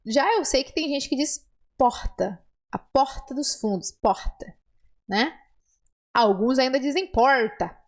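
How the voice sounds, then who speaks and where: A woman's voice: sits high, expressive. Southern Brazilian woman teaching pronunciation. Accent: southern Brazilian Portuguese. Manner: patient, explains slowly, models words for repetition. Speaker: Spanish teacher. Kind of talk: online language lesson.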